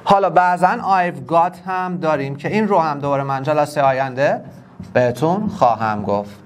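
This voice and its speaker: A man with a Persian accent teaching an English class online, explaining each word step by step and repeating it slowly. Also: fairly high pitch.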